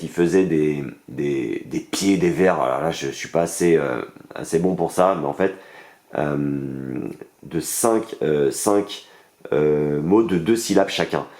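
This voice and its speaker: A man's voice: a bass voice, a little mellow. A man with a French accent casually reviewing a board game's cards, enthusiastic and explaining the rules step by step with many fillers. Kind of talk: casual unboxing and card review.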